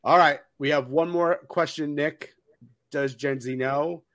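A man's voice: a little high, steady tone, unhurried, fairly bright tone, no echo, studio quality. A man co-hosting a podcast in casual conversation. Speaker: podcast co-host.

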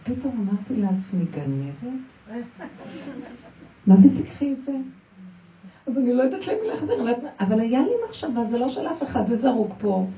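A woman's voice: on the high side, expressive, dark tone, slight background noise. Storytelling woman in a roomy hall. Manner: storytelling, acts out quoted dialogue, addresses listeners directly. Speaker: religious women's class teacher. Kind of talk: spoken religious lesson with personal stories. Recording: dull, roomy recording from a distance.

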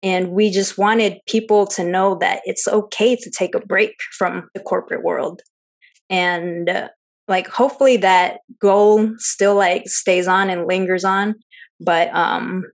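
Medium in pitch, fairly even in intonation and measured in pace, a young Seattle woman who co-hosts a travel podcast chats through a casual interview. Fillers come often, and so do easy laughs.

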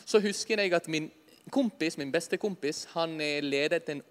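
A man giving a personal faith testimony as a lively storyteller who often laughs at himself. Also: on the high side. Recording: long hall reverb.

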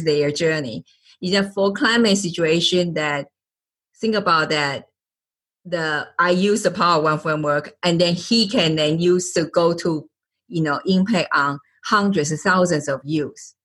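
Husky, low-voiced woman podcast host. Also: a bit bright. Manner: halting, searching for words, many restarts. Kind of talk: podcast interview.

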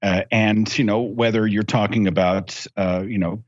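Man, deep voice, articulate, rhetorical, measured emphasis, close dry slightly muffled sound. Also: fairly even intonation, no echo. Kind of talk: articulate conversational commentary. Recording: dry, slightly dull audio.

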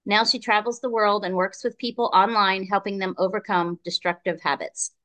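A woman's voice: medium pitch, steady tone, normal speed, fairly bright tone. A woman hosting a podcast, introducing a guest and asking questions in an upbeat, emphatic way. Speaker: podcast host. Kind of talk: scripted intro and interview hosting.

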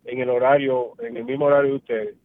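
A man's voice: mid-range voice, fairly even intonation, fast talker, no echo. A man calling in to a radio show, talking hesitantly with many fillers. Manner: hesitant, fills with "eh" and "escucha". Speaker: caller. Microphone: phone. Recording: phone line.

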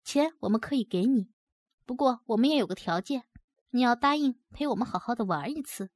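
A woman's voice: a little high, expressive, fairly quick, no room sound. A woman voicing a sly, smug young man who sneers and sweet-talks, read in a storytelling style. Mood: coaxing. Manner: sneering, smooth-talking.

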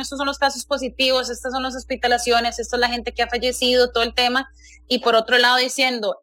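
A woman's voice: on the high side, sharp tone, no echo. A woman hosting a casual conversation, talking earnestly and often tagging her sentences with "¿verdad?" and "o sea".

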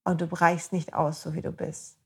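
A woman hosting a motivational self-help podcast, who talks straight to the listener in a gentle, encouraging way. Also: fairly low pitch, little pitch movement, normal speed, husky. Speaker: podcast host.

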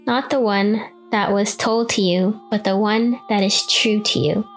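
A woman podcast host leading a guided meditation in the soothing, unhurried, gently instructing manner of a sleep story narrator. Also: mid-range voice, steady tone, soft background music, poor audio.

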